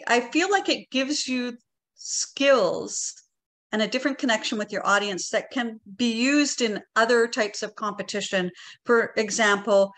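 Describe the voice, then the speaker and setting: A middle-aged woman presents a workshop to an online club from her living room on a video call. Her fairly high, slightly bright voice explains things with enthusiasm and emphasis.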